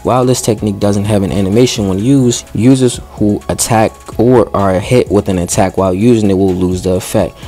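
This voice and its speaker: Male gaming creator, low dark voice, reads update notes with slangy hype asides, soft music behind. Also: fairly quick, few pauses. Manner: slangy excited asides between read passages; stumbles and restarts while reading. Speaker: gaming YouTuber. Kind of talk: reading game update notes aloud with commentary.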